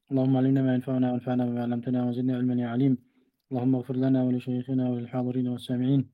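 A man reading a classical commentary aloud to his teacher in a fast, even recitation, now and then correcting himself. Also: medium pitch, phone-quality sound. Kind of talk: traditional classical text recitation.

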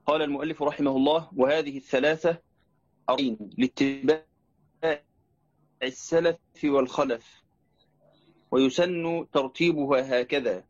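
A man reading a classical religious text aloud to his teacher in a measured, formal recitation. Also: a little high, steady tone, no echo. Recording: muffled lo-fi recording.

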